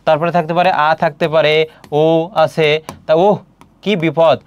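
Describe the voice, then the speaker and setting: High-voiced man drilling grammar examples. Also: fairly even intonation, normal speed. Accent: Bangladeshi Bengali. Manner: asks and answers his own questions, drawing out example words. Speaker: teacher. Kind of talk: exam-prep grammar lecture.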